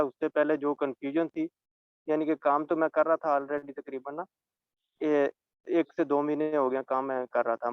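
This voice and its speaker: Smooth-voiced man on a dull, dry call. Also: fairly high pitch, dry recording. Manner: halting, with many fillers. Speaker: guest client. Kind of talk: casual interview answer. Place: outdoors in Dubai.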